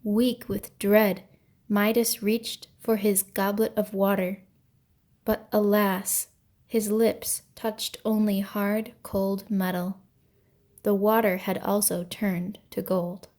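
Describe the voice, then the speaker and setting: A woman's voice: mid-range voice, level tone, slow pace, darkish tone. A woman storyteller narrating an ancient myth from a script, with grave, dramatic delivery.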